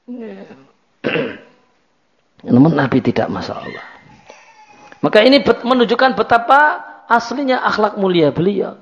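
A man giving a religious study lecture in a chatty, repetitive way. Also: high-pitched. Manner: conversational, repetitive, drops in Javanese words. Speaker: Islamic teacher. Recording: dull lo-fi lecture recording.

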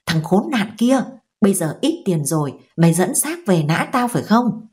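A woman's voice: mid-range voice, very animated, normal speed, a little mellow, lightly acted. A woman voicing an angry old village mother scolding her son in a harsh, biting manner.

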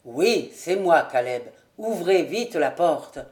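A woman's voice: fairly low pitch, expressive, slow pace, darkish tone, pitched below the performer's own voice. A woman voicing a proud, weary young lord who speaks curtly in an audiobook. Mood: grave.

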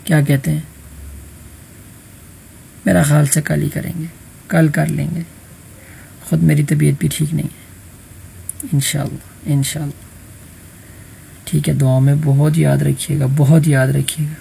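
A man's voice: a little high, flat delivery, vocal fry, pauses often, dark tone, a little hiss or hum. A man teaching an online Arabic grammar lesson, speaking patiently and calling on students by roll number over a computer mic. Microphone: computer mic in an online voice chat room.

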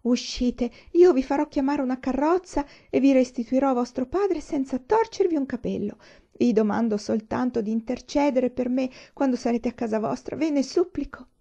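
A woman's voice: slow pace, vocal fry, few pauses, a little mellow, full character voice. Woman doing a whining frightened jailer. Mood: pleading. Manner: high, whining, pleading. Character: frightened pleading male jailer. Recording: dull lo-fi recording.

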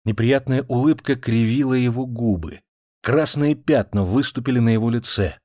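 A man reading a classic novel aloud in a measured, expressive storytelling voice. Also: medium pitch, dry recording, clean studio sound. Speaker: audiobook narrator. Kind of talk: scripted literary narration.

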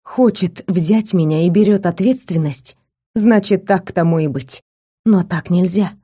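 A woman reading a first-person romance story aloud with measured, intimate storytelling. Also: on the low side, mellow, breathy edge. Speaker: narrator.

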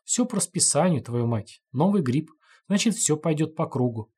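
A man's voice: fairly high pitch, animated, normal speed, mellow, husky. A man voicing a crude, short-tempered male convict who snaps curtly, in a storybook reading. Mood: weary. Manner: snarling, crude, curt.

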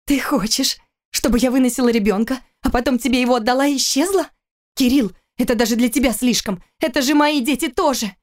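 A woman's voice: a little high, a little fast, darkish tone, pitched above the performer's own voice, lightly acted. A woman voicing a distraught pregnant young wife in an audiobook, pleading in a raised, shaken voice. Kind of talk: audiobook character reading.

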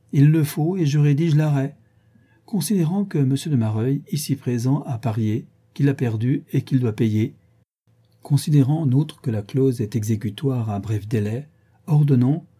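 A man's voice: medium pitch, warm tone, slightly rough, voice pushed up, close to an everyday voice. A man reading an audiobook, voicing a witty, playful aristocratic lady who hands down mock-solemn judgments.

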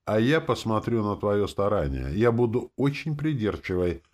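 A man voicing a crude, vicious female demoness who taunts and threatens in a mocking, shrill tone for an audiobook. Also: big pitch swings, moderate pace, darkish tone. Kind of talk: audiobook character voice.

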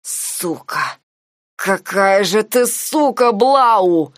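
A woman voicing a broken, hoarse young man. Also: on the low side, big pitch swings, takes it slowly, dry recording, studio quality, heavily acted. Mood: hateful. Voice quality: hoarse whisper turning to rasping shouts. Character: young man, weakened, bitter and desperate. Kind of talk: audiobook character voicing.

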